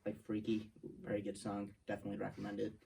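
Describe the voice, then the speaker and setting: A man's voice: fairly low pitch, monotone, fast, creaky, dark tone, husky, distant mic. A young man co-hosting a student podcast, talking in a casual, teasing way with many fillers. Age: young adult. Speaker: co-host. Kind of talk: casual chat.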